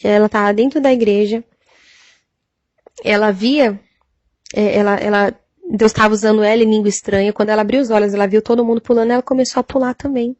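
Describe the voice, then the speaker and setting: A Brazilian woman giving a church testimony of a vision, halting with fillers and citing Bible verses, on a dull lo-fi recording. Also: medium pitch, fairly even intonation, darkish tone, no room sound. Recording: dull lo-fi recording, dry sound.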